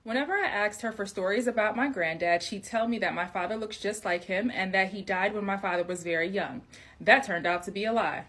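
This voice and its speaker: A woman's voice: mid-range voice, brisk, fairly bright tone. An American woman hosting a gossipy storytime, talking in a sassy, conversational, slangy way with casual swearing. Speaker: host reading out listener-submitted family stories.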